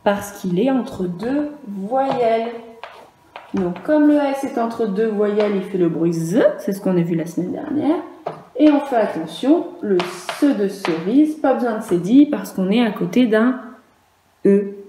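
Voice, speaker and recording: A woman teaching a first-grade dictation lesson in a virtual class, speaking slowly and clearly and spelling out letters and sounds. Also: mid-range voice, lively intonation, mellow, reverberant, slight background noise, rough recording.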